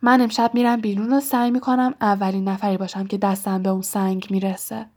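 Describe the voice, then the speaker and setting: A woman's voice: mid-range voice, little pitch movement, natural voice. A woman reading as an urgent young schoolboy. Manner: urgent and hushed. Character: determined young schoolboy hero.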